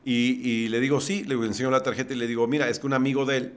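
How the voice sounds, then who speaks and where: Mexican man from Puebla, podcast guest, middle-pitched voice, recounting a personal story step by step. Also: flat delivery, fast.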